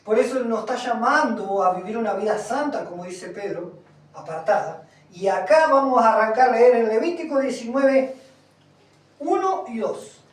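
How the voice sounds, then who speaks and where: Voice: medium pitch, lively intonation, moderate pace. Preacher, emphatic sermon, questions the flock, recorded distant in a very echoey hall. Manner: emphatic, asks the congregation questions. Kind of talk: sermon with Bible reading. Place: congregation hall, also streamed. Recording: echoey room from far off.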